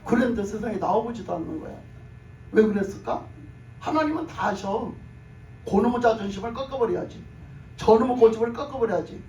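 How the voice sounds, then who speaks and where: A man's voice: high voice, expressive, a little fast, pauses often, a little mellow, slight background noise. A man preaching a sermon, retelling a story and acting out its characters' lines, repeating phrases for emphasis. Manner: acts out characters' speech in the story. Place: church sanctuary. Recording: echoey room, mic at a distance.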